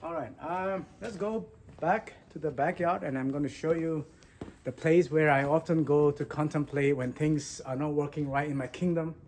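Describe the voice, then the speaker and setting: A man's voice: on the high side, fairly even intonation, moderate pace, a little mellow, a little hiss or hum. Playful man chatting on a village vlog. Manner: playful, jokes about being a king. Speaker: vlogger. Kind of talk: casual vlog chat. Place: outdoors in a village.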